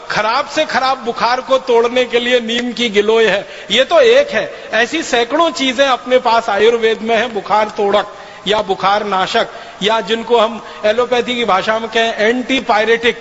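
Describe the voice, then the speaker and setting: A man's voice: very high-pitched, unhurried, a bit bright. A man giving a public lecture, telling a story emphatically and repeating phrases for effect. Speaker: speaker lecturing an audience. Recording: dull, lo-fi hall recording with faint noise.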